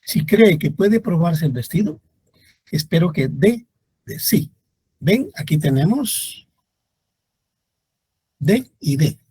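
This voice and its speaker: A male teacher giving a classroom grammar lecture, reading out example words slowly and deliberately and speaking directly to his students. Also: on the high side, dark tone, slightly rough, no room sound.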